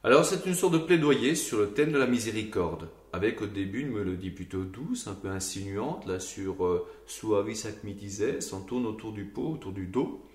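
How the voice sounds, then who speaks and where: A man's voice: fairly low pitch, expressive, normal speed, hardly any pauses, echoey room. A man teaching Gregorian chant to a choir, explaining the melody and now and then singing short examples.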